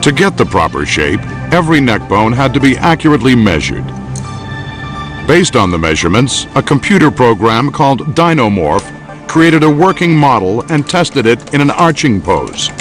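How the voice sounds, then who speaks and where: A man's voice: medium pitch, sing-song, normal speed, over music. A man reading scripted narration for a nature documentary.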